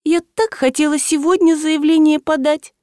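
A woman's voice: sits high, expressive, moderate pace, dark tone, breathy edge, no room sound, clean studio sound, pitched above the performer's own voice. A woman reading the part of an emotional young bride with a whiny, pleading way of talking. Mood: wistful.

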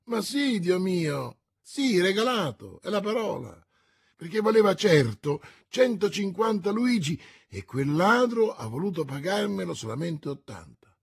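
A hearty, boastful musketeer who bellows his lines with a husky, raised voice, as a male reader puts him on. Slow, swelling delivery in a storybook reading. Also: sits high, very animated, voice pushed up, exaggerated voice. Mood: boisterous. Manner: loud, exclamatory, raised voice.

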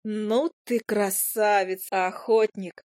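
A woman voicing an excitable, indignant little female fairy with a squealing, high voice. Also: slow pace, dry recording, lightly acted. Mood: indignant shrill. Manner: squealing and shrill.

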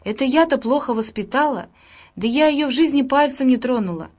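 A woman's voice: high voice, expressive, a little fast, voice pushed up. A woman voicing an offended elderly grandmother who defends herself emotionally.

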